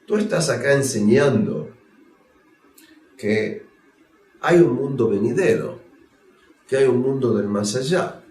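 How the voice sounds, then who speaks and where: Un hombre que interpreta a un antiguo saduceo escéptico, que discute con preguntas incrédulas. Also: male voice, mid-range voice, animated, takes it slowly, pauses often, darkish tone. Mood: incredulous. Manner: argumentative, incredulous questions. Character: skeptical ancient Sadducee man, blunt and dismissive. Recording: roomy echo.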